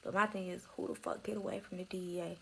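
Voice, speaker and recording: Gravelly young woman telling her story. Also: fairly low pitch, level tone, fast talker. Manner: candid, profane, emotional, drops to soft near-whispers. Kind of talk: emotional personal storytelling.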